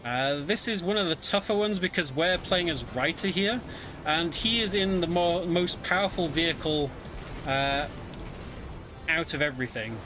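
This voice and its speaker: A speedrunner casually commentates his own game run live, explaining the story as he plays. His voice is a little high, his speed normal, and music plays under him.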